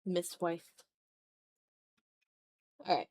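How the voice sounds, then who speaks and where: Drawing on a live art stream, a woman chats casually, playful and a little dramatic, dropping the odd offhand swear word. She speaks extremely slowly in a darkish tone.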